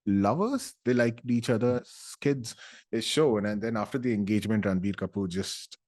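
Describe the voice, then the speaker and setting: A young man, ranting about a movie in casual, comedic, sarcastic style, breaking into loud animated bursts. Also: fairly low pitch, moderate pace. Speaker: YouTuber.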